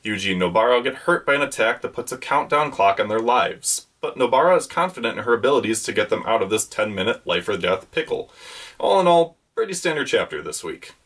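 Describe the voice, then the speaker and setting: A man's voice: mid-range voice, big pitch swings, brisk, fairly bright tone. Man narrating a scripted manga review.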